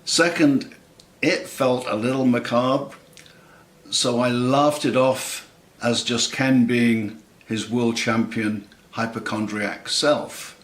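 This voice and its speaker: A man in his seventies giving a scripted eulogy in a measured, wry, tongue-in-cheek way with deliberate pauses. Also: medium pitch, fairly even intonation. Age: 70s. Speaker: eulogist, lifelong friend of the deceased. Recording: roomy, echoing sound.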